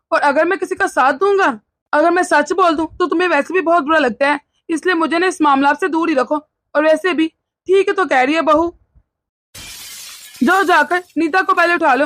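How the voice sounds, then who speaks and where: A placid, easygoing cartoon father-in-law, played by a woman who dodges family fights with wry remarks. The voice is pitched high for a man, and the sound is close and dry. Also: a bit bright, no echo. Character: easygoing middle-aged father-in-law, avoids taking sides. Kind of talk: animated cartoon dialogue.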